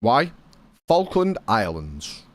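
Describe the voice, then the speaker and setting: With a medium pitch, huge swings in intonation, and a slow pace, a British man chats casually with viewers as he streams a game. He rambles and swears freely, and there's no room sound.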